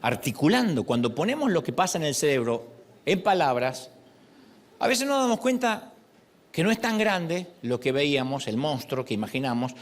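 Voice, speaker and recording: A middle-aged man preaching a sermon as a pastor, expressive and acting out quoted prayers. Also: on the high side.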